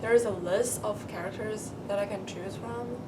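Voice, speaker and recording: A young woman from San Francisco gives relaxed, chatty interview answers. She sits back from the mic, and loud music runs beneath her voice. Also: medium pitch, moderate pace, recorded from a distance, poor audio. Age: young adult.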